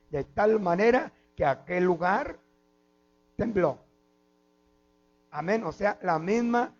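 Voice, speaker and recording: A man with a Mexican Spanish accent preaching a sermon as pastor, often stopping on "amen" and addressing the congregation as brothers. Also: sits high. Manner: preaching with repeated "mis hermanos" and "amén". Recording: dull lo-fi with mains hum.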